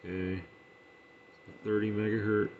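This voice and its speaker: A radio hobbyist with a lowish, fairly flat voice demonstrates and tests equipment in a casual, off-the-cuff way, speaking matter-of-factly at a measured pace and thinking aloud as he works. The sound is dull and lo-fi, with faint noise.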